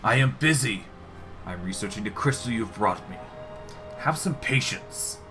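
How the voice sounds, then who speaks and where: A man voicing an imperious, irritable undead lich mentor from a fantasy game, speaking in a formal, measured, pompous way. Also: lowish voice, expressive, music in the background. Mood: irritated. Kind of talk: game dialogue read aloud in character.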